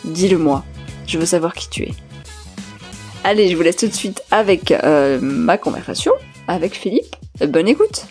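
A woman hosting a podcast interview, chatty and quick to laugh, with many fillers. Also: fairly low pitch, big pitch swings, darkish tone, soft background music. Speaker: podcast host.

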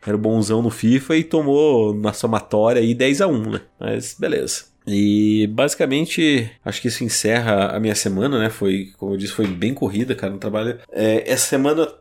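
A man co-hosting a podcast, recapping his week in relaxed, casual storytelling with lots of fillers. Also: lowish voice, moderate pace, few pauses. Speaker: podcast co-host. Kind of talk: casual weekly recap chat.

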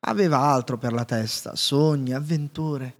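A man narrating a storybook in a calm, measured way. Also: medium pitch. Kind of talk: storybook reading. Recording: reverberant room.

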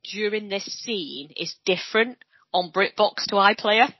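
With a mid-range, unhurried voice, a woman from Wales co-hosts a podcast in her Welsh accent. Chatting casually, she makes her points earnestly and at length, and the lo-fi recording sounds dry and dull with no echo.

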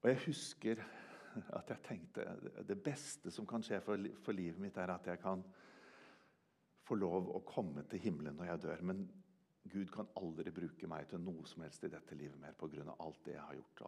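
An older man preaching a sermon in a church, earnest, swinging from loud emphasis to hushed quiet. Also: sits low, steady tone, creaky, husky. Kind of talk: sermon with personal testimony.

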